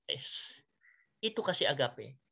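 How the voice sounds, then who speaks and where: A man preaching a youth sermon, telling the story with lively acted-out dialogue and questions to the audience. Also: mid-range voice, slow pace, gravelly, husky. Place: church. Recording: dull lo-fi sound.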